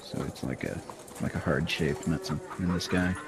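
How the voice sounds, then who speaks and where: A man's voice: rumbling low, normal speed, vocal fry. A man playing in a tabletop game, thinking aloud as he plots his moves, over a noisy recording. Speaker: player. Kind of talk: casual tabletop game talk. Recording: noisy home podcast recording.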